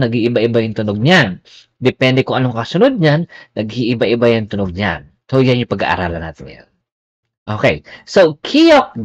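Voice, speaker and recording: A man's voice: medium pitch, dry recording, lo-fi sound. A man teaching a pronunciation lesson in a casual, explanatory way, checking in with "okay" after each point. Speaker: language teacher.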